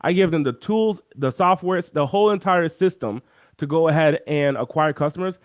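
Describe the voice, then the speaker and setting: A man talking as an interview guest, walking through software on a shared screen and acting out the voices of chat viewers. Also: on the high side, moderate pace, no echo, clean studio sound. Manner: animated, acts out quoted chat voices. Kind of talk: energetic screen-share walkthrough.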